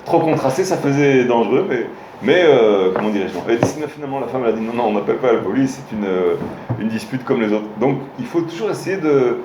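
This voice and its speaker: A man's voice: medium pitch, animated, fairly quick, background noise. A man, a rabbi, giving an informal Torah lesson, telling stories with frequent restarts and hesitations and speaking directly to his listeners. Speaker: rabbi teaching a Torah class. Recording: roomy room with faint ambience.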